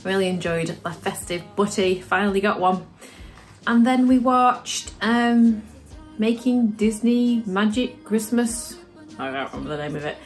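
A woman's voice: medium pitch, lively intonation, a little slow, soft background music. A British woman from the UK chatting casually to camera for her vlog, talking through her day as she goes. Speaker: vlogger.

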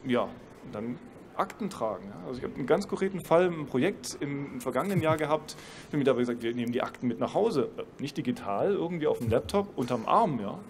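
This is a male professor speaking in a panel discussion at a trade fair, holding a handheld mic and explaining things at length with dry irony. His pitch is medium and his delivery quick and lively, with some vocal fry. There's slight background noise.

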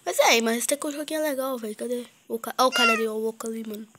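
Brazilian female gamer, high voice, noisy capture. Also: very fast. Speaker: gaming YouTuber. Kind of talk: casual gameplay commentary. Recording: noisy mobile game recording with clicks.

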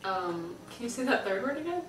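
A woman's voice: medium pitch, sing-song, fairly quick. A woman in her twenties talking casually and playfully while guessing phrases in a game. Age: 20s. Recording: roomy, distant mic, music behind.

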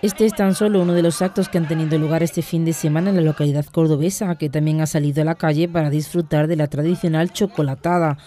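A reporter reading a news voice-over in a calm, formal way. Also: medium pitch, quick pace, few pauses.

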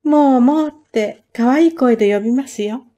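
A woman reading a storybook aloud and voicing a polite, gently boastful expectant mother cow. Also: sits high, normal speed, close to an everyday voice. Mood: proud.

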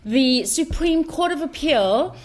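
A South African woman co-hosts a casual podcast in a fairly high voice. She talks in a gushing, emotional way, close to tears. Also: lively intonation, takes it slowly. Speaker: podcast co-host. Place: home in France, remote call.

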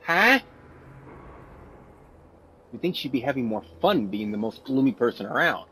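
A man giving casual, goofy commentary over his gameplay, easily distracted and quick to laugh. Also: medium pitch, very animated, a bit bright, slight background noise, poor audio. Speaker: gameplay video host.

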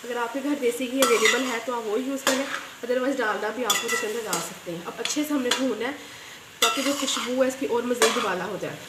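On her home cooking channel, a woman with a voice on the high side talks a little fast while showing a recipe step by step at her stove. She's chatty, speaks to viewers directly, and often adds a pious phrase. The audio is very noisy, from an echoey kitchen with loud sizzling and clanking pans.

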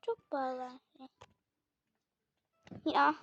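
A woman hosting a gaming channel, commenting chattily on gameplay and often calling out to her viewers with excited exclamations, sounding slightly unwell. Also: high voice, drawn-out words, slightly rough, soft background music. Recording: dull lo-fi dry recording.

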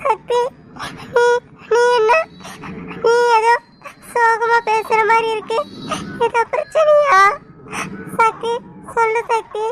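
A woman's voice: very high voice, steady tone, slow pace, long pauses, a bit bright, slight background noise, heavily acted. A woman with a Tamil accent voicing a frightened young woman in a cartoon, crying and urgent. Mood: tearful.

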